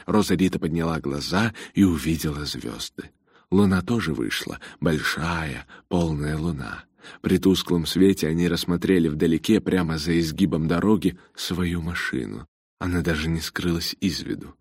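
Deep gravelly male audiobook narrator. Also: moderate pace, dry recording, clean studio sound. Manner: expressive, storytelling.

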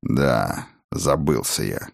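A man voicing a gruff, protective dragon father in a storybook reading, talking in a low grumble. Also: moderate pace, no echo, clean studio sound. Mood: gruff, calm.

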